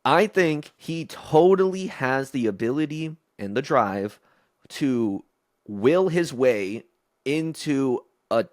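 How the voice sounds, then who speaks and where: A man's voice: medium pitch, lively intonation, no room sound. Playful male co-host, dry close sound. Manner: playful, speculative, drawn-out emphasis. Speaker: podcast co-host. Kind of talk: casual chat.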